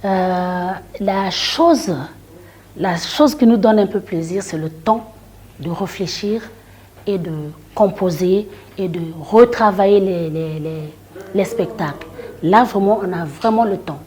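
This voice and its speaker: This woman, a middle-aged Congolese singer and storyteller from the Republic of the Congo, responds to an interviewer with hesitation, full of restarts and fillers, her words often fading quietly away. She speaks slowly in a medium-pitched voice with a breathy edge.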